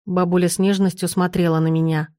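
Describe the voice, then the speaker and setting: A woman narrating a novel in the first person, measured and even. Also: fairly low pitch, dry recording, clean studio sound. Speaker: audiobook reader.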